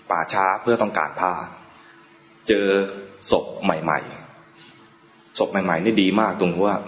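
A male Buddhist monk with a fairly low voice gives an informal Dhamma talk to laypeople. He tells stories in a chatty, unhurried way, pausing often between phrases. The recording is dull and lo-fi, with a roomy echo around his voice. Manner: chatty storytelling, pauses often.

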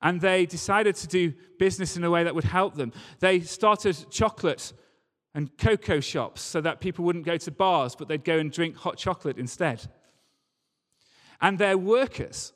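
A preacher delivers a sermon in a conversational, storytelling style with emphatic repetition, recorded live in a large, reverberant church hall. His voice is on the high side, a bit bright, at a normal speed.

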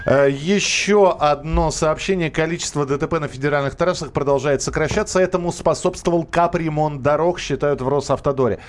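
A man's voice: a little high, brisk, hardly any pauses, a little hiss or hum. A man hosting a casual radio show about cars, playful and joking with his co-hosts. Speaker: radio host. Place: radio studio.

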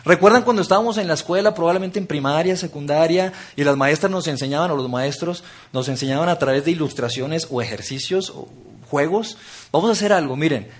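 A man preaches a practical sermon. He talks to the crowd directly, asks them to join in, and often lowers his voice to a soft, close tone to stress a point. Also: brisk. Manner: engaging, interactive, leads audience exercises; drops to soft intimate tone for key points.

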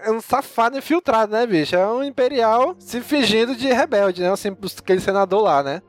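A man's voice: high voice, lively intonation, fairly quick, faint music behind. A man hosting a casual chat, recapping episodes in loose slang and laughing often. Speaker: podcast host.

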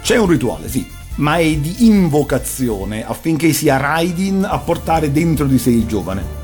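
A man's voice: on the high side, sing-song, measured pace. A man giving an erudite, didactic commentary on animation. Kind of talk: explanatory talk, analysing cartoons. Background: soft music.

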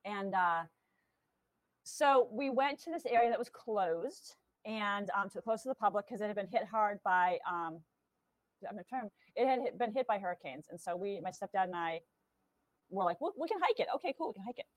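A woman medium telling stories in casual chat, animated and acting out voices with laughter. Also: mid-range voice, moderate pace, no echo, poor audio. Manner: lively, animated, acts out quotes with laughter. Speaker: guest medium.

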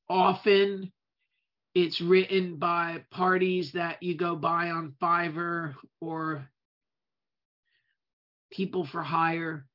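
This casual presentation on running a web business comes from an Italian native speaker with a mid-range voice. They often restart phrases and lengthen important words to stress them. The sound quality is dull and lo-fi.

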